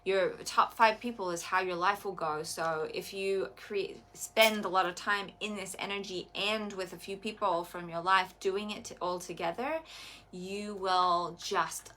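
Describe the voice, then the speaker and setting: A woman's voice: medium pitch, steady tone, unhurried, bright, forceful tone. A woman co-hosting a live stream as a coach, talking in a bubbly, enthusiastic way. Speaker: coach and co-host. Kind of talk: motivational live-stream talk.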